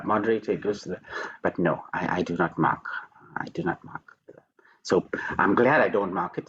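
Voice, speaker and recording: A man leads an online programming class over a video call, his lower voice husky and a little dull through the call audio. He repeats words in quick bursts and jokes by praising himself. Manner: playful, repeats words, teasing self-praise. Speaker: programming lecturer. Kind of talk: online tutoring session.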